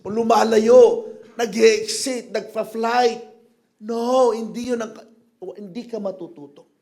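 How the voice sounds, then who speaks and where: High-voiced Filipino man preaching. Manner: mixes English phrases into Tagalog, animated, rises to loud emphasis. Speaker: pastor. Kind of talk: sermon. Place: church.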